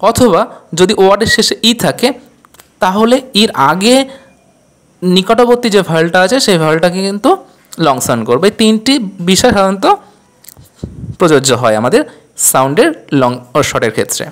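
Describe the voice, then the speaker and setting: A teacher explaining English pronunciation rules, who speaks patiently and spells words out letter by letter. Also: medium pitch.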